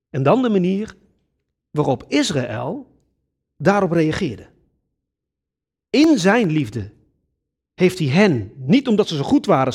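A man's voice: high-pitched, slightly rough. A man preaching a sermon, earnest and emphatic, addressing his congregation directly. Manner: earnest, lively preaching with sudden emphatic rises.

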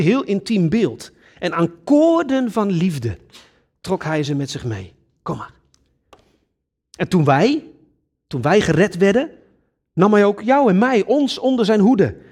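A man's voice: high voice, a little slow, husky. A man preaching a sermon, earnest and emphatic, addressing his congregation directly. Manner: earnest, lively preaching with sudden emphatic rises.

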